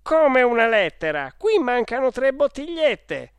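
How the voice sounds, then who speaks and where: A reader doing an irate shouting salesman. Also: mid-range voice, big pitch swings, slow, clean tone, no echo, pitched above the performer's own voice. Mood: furious. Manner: shouting, exasperated outbursts. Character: irritable middle-aged male traveling salesman. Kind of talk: audiobook character voice.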